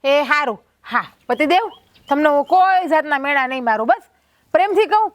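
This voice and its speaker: A woman playing a sharp-tongued village wife who taunts her husband in a family drama. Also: sits high, lively intonation, normal speed, dry recording. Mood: taunting.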